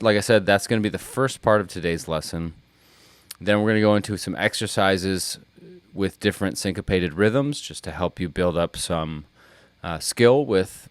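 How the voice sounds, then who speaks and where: Low-voiced man teaching guitar casually. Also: clean tone, no room sound. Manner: relaxed, rambling explanations with frequent fillers. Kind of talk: casual video lesson.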